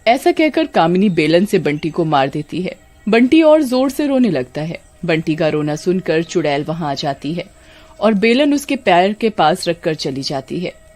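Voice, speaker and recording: A woman narrating a children's horror story in a steady, even manner. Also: on the low side, normal speed.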